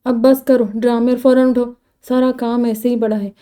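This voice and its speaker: A woman's voice: a little high, little pitch movement, moderate pace, mellow, smooth, close to an everyday voice. A woman reading as a scolding old grandmother. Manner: scolding, bossy. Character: stern elderly grandmother with a walking stick.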